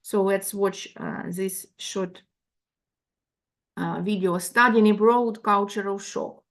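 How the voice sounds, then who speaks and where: A woman from Ukraine giving a university lecture online. She talks haltingly, with many fillers and restarts, and checks in with listeners by asking "yeah?". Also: mid-range voice, fairly even intonation.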